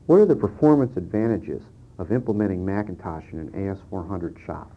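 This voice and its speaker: On a dull early-1990s cassette transfer, a low-pitched man with lively intonation and a brisk pace presents scripted instructional material. He serves as both presenter and interviewer.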